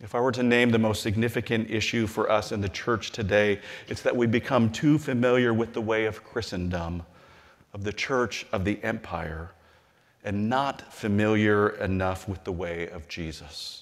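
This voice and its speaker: A middle-aged man preaching from a lectern with a somewhat low voice. He speaks in a measured, earnest way and eases down gently on quoted scripture. His words ring out with a long hall reverb. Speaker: bishop. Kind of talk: sermon-style convention address. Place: large hall, at a lectern on a stage.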